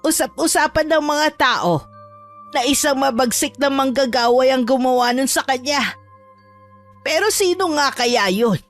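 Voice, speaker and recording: A woman's voice: high voice, animated, unhurried, faint music behind, pitched above the performer's own voice. Musing mother, curious and chatty , as a woman puts her on; horror drama.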